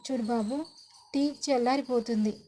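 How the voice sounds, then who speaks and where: A woman voicing a gentle middle-aged aunt who coaxes a young man over tea, in a spoken serial recap. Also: on the high side, fairly even intonation, moderate pace, a little hiss or hum, close to an everyday voice. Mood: coaxing. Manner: coaxing, homely.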